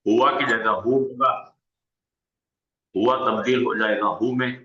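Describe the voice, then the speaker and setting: A man teaching an online Arabic grammar lesson, slowly drilling word forms aloud on a video call. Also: mid-range voice, steady tone. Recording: dull echoey room sound.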